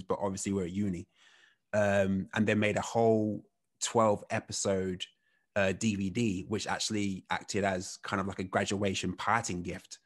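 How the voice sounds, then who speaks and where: A man in his thirties, a guest on a podcast. He speaks in a fairly low voice and tells his story in a loose, rambling way, with many casual fillers. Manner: relaxed, rambling, heavy on "you know" fillers.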